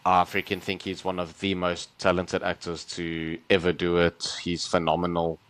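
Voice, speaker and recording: A man's voice: low-pitched, monotone, moderate pace, fairly bright tone, poor audio. A man co-hosting a podcast in casual chat, talking with earnest enthusiasm and lots of fillers. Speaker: podcast co-host.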